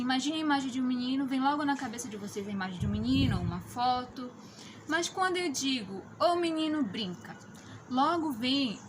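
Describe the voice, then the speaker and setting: A woman's voice: sits high, noisy background. A woman teaching a lesson to children, explaining patiently and checking in with them often. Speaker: schoolteacher.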